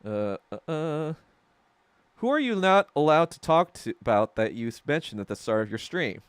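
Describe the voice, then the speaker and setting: Lively, profane male podcast host. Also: on the high side, normal speed, smooth, no room sound. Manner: profane, rambling, opinionated, frequent fillers. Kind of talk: casual livestream monologue.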